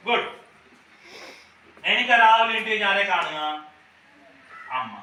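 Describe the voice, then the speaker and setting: Woman preschool teacher, coaxing and repetitive, sharp bright tone, recorded far off in an echoey classroom. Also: medium pitch, animated, measured pace. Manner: coaxing, repeats questions, mixes in English phrases. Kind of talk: classroom activity with small children. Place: classroom, indoors.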